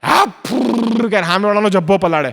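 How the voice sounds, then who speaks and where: A man's voice: high voice, animated, normal speed, vocal fry, fairly bright tone. A man performing stand-up comedy on stage, telling stories and acting out both sides of the conversations in them. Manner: acts out both sides of dialogues in his stories. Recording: long hall reverb from an auditorium.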